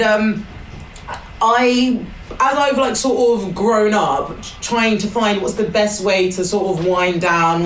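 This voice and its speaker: A woman hosting a podcast, talking casually and playfully with lots of "like" fillers. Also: medium pitch. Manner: excitable, playful, heavy "like" fillers. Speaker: podcast host. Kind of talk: casual spiritual chat. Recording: roomy and a bit far from the mic, faint noise.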